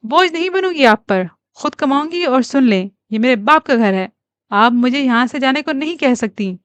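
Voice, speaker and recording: A woman voicing a selfish stubborn young wife, defiant, loud, fairly high voice, smooth and dry. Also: animated, no room sound. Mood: shouting. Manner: pleading then defiant, loud.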